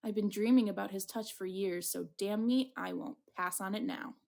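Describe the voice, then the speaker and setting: Woman playing a theatrical, flirtatious wounded man, creaky voice. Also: medium pitch, normal speed, a little mellow, natural voice. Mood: smitten. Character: Julian, wounded flirtatious man, dramatic and lovestruck narrator. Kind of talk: dramatic visual novel reading.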